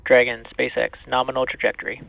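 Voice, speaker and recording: Guy on mission control radio, super gravelly, quick clipped callouts, dry radio link. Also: medium pitch, monotone, sharp tone, dry recording, rough recording. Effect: radio transmission.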